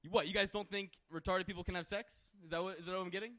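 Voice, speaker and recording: A man's voice: high voice, steady tone, racing, pushed and bright. A young man performing a stand-up comedy set, joking with the crowd in a crude, brash way.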